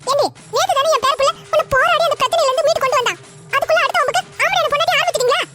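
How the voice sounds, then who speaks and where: A woman voicing a scolding old grandmother in a cartoon family drama, with a shrill, reproachful delivery. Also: racing, pushed and bright, faint music behind.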